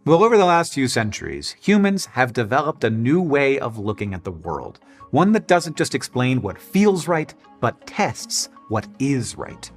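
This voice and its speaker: A man hosting a scripted educational show, explaining with emphatic, lively delivery. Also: mid-range voice, normal speed, soft background music. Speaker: host.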